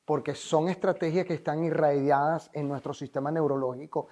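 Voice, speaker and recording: A man's voice: a little high, fairly even intonation, fairly quick, a little mellow. A Venezuelan man, a life coach, telling his story in an interview in an earnest, emphatic, motivational way.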